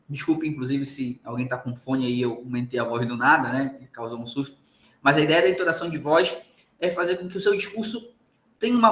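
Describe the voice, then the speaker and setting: A man's voice: a little high, fairly bright tone, reverberant. A man with a Brazilian Portuguese accent giving a recorded lecture to law students, emphatic and often checking in with the class.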